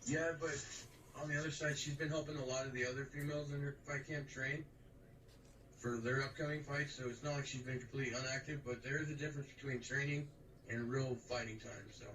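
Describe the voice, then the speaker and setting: A man's voice: medium pitch, steady tone, fairly quick, a bit bright. Man co-hosting from an echoey room. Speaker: co-host. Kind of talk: casual chat. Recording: echoey room with faint noise.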